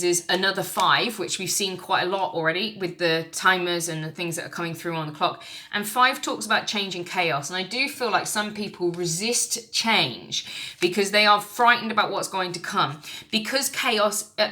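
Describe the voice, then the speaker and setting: A woman's voice: medium pitch, sharp tone. Blunt woman reading tarot. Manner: blunt and frank, swears casually. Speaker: tarot reader. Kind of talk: casual spoken tarot reading.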